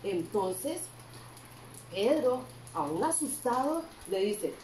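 Woman, Sunday school teacher, highish and very lively delivery, recorded off-mic in an echoey room. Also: very slow. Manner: animated storytelling, asks children questions. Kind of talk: children's Bible story lesson. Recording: roomy echo, distant mic, faint background hum.

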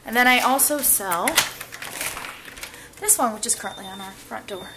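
Her voice is mid-range and moderately paced, set against a noisy background. This family vlogger chats cheerfully to her audience on a handheld camera held at arm's length, starting in the car before heading into her kitchen and living room at home.

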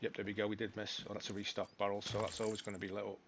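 Excitable male gaming streamer. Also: on the low side, rapid-fire, slight background noise. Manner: shouts excitedly in fights, chatty when calm. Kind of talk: live gameplay commentary.

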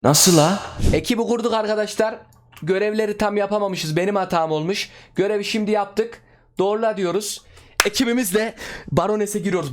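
A young man with a slightly high voice talks his viewers through his game session. His commentary is casual and chatty, and he calls out to his audience as friends. He gets excitable easily. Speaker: gaming YouTuber.

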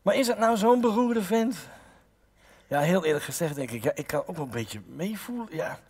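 A man's voice: sits high, moderate pace, slightly rough. A Dutch man preaching a sermon as pastor, retelling a Bible story with acted-out lines and direct questions to his listeners. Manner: lively storytelling, voicing biblical characters, direct questions to the congregation. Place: church hall. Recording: long church reverb.

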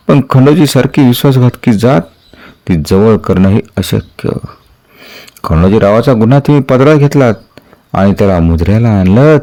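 A man's voice: fairly low pitch, mellow. A man reading a story aloud and voicing a stern, commanding warrior king with firm authority. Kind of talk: dramatic storytelling.

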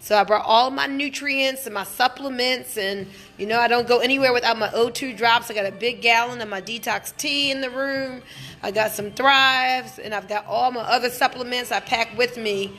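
Speaking at a normal speed with a steady tone, this middle-aged wellness promoter's fairly high voice comes across pushed and bright. She's livestreaming from an indoor gym, phone held at arm's length, chatting eagerly and casually with viewers.

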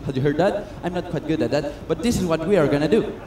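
High-voiced man doing comic stage patter. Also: fast, mellow. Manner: chatty, self-mocking, coaxing the crowd. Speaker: stage magician. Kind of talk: comedic stage patter with audience. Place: cruise ship stage. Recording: echoey stage sound with noise.

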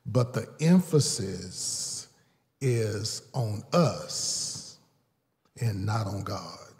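A man, preaching a sermon as pastor and calling out to the congregation, often building louder and higher for emphasis. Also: expressive, extremely slow. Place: large church sanctuary. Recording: long reverb of a large hall.

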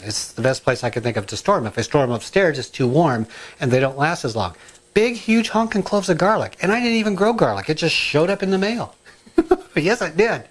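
Excitable middle-aged man rambling in his kitchen. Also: a little high. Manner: rambling and excitable, many asides and ums. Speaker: home cooking and gardening vlogger. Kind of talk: casual chatty kitchen vlog. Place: home kitchen, indoors.

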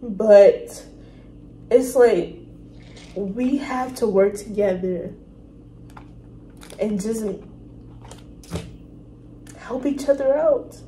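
A woman hosting a reaction video, talking earnestly and emotionally with halting, apologetic restarts. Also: fairly high pitch. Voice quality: emotional, soft-spoken. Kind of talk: casual reaction commentary. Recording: roomy room with faint noise.

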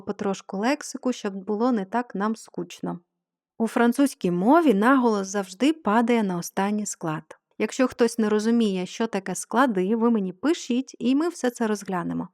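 Woman, online language teacher, fairly high voice, patient and clear, dry close sound. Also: no echo. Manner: slow, drawn-out model words. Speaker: French teacher. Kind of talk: online grammar lesson.

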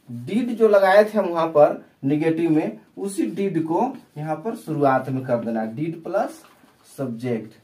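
This male teacher's voice is a little high and warm, captured from a distance. Using Hindi, he walks a class through English tenses, moving slowly and repetitively and supplying answers to his own questions.

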